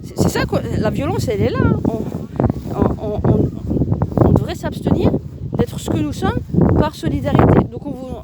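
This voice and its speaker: On an outdoor walking vlog through a town, a French woman talks emphatically and repetitively, often restarting her words. Her voice is high, and the recording is very noisy.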